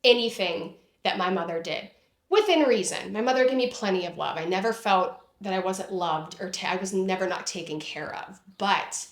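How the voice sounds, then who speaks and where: A woman's voice: medium pitch, moderate pace. A woman in her thirties speaking candidly and from the heart as an interview guest, with frequent "like" fillers and the odd swear word. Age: 30s. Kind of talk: candid personal conversation. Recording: roomy echo.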